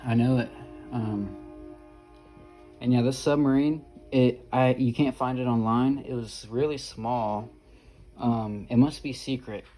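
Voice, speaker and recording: A man's voice: medium pitch, fairly even intonation, unhurried, dark tone, faint music behind, rough recording. A man vlogging about his dreams in a casual, rambling monologue, hesitant with many fillers and restarts, yet earnest and insistent.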